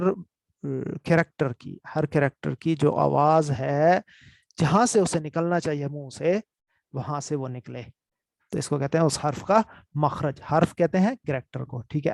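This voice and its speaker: A man teaches an online lesson with screen notes, explaining things, repeating terms, and checking understanding often. His gravelly voice is a little high and a little mellow, and the recording is dry.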